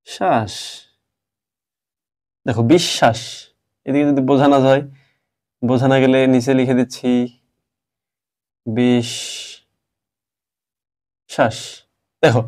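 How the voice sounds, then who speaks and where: A man teaches a grammar lesson. He walks through each point step by step and keeps asking his students questions as he goes. His voice sits at an ordinary middle pitch. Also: warm tone. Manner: explains step by step, asks the class questions.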